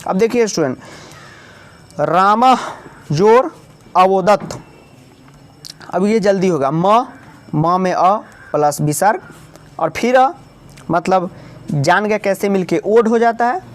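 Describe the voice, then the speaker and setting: High-voiced male teacher explaining grammar. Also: measured pace. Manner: repetitive, addresses students often, corrects own slips.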